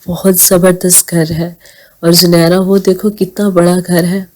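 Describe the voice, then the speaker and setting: Grown-up-sounding teen boy for an audio novel, voiced by a woman, low and even. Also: close to an everyday voice. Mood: earnest. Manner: earnest, grown-up. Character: fourteen-year-old boy, mature beyond his years.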